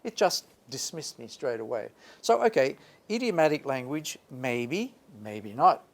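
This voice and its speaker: A man giving an animated English lesson, speaking emphatically and theatrically in short, repeated phrases. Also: medium pitch, measured pace. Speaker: English language teacher presenting. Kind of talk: animated lecture presentation.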